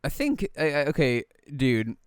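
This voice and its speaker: A man's voice: mid-range voice, huge pitch swings, moderate pace, smooth, no echo, clean studio sound. A young man co-hosting a casual podcast, rambling with lots of fillers and crude jokes. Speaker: podcast co-host. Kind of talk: casual chat.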